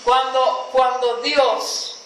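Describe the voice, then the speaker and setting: Woman pastor preaching, high voice, lots of repeating and "get it?" questions, big echoey church. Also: very slow. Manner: animated preaching with repetition and rhetorical questions. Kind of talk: sermon. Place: large echoey church hall. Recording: very echoey hall with faint background noise.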